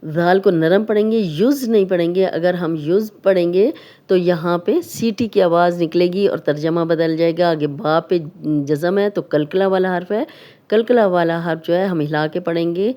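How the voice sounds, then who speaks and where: A woman with a Pakistani Urdu accent teaching Quran recitation, explaining each rule patiently step by step and drawing out recited words slowly. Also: fairly low pitch, warm tone. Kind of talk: Urdu tajweed lesson, explaining and demonstrating recitation.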